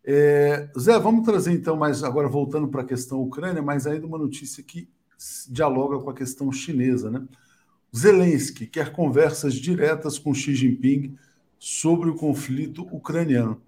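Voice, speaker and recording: A man's voice: a little high, mellow. Conversational male live-stream host. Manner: conversational, quick asides, tag questions. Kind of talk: live-stream political talk.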